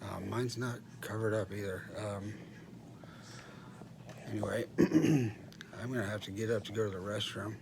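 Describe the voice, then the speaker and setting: A middle-aged man talks casually and haltingly about himself in a subdued way, often clearing his throat, as a patient giving an update from a hospital room. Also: on the low side. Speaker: patient recording a post-surgery update. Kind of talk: casual vlog monologue. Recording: clearly noisy room ambience.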